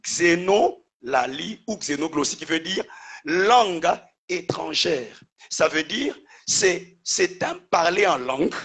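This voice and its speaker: Man, pastor, sermon, husky voice, fairly high pitch, call-and-response. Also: a bit bright. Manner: preacher calling out "Alléluia" and "Amen", call-and-response with the congregation.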